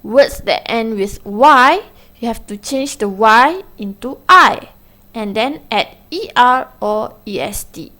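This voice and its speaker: A woman teaching an English lesson, her voice sitting a little high. She explains patiently, slowing down on key words and switching between English and Malay. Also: animated, sharp tone. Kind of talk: classroom lesson narration.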